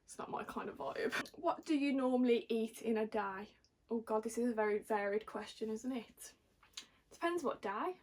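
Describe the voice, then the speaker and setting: A woman's voice: fairly high pitch, steady tone, normal speed, darkish tone. A young Englishwoman chatting casually to camera in a giggly, tipsy, rambling and slangy way. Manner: rambling, slangy, self-mocking. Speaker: vlogger.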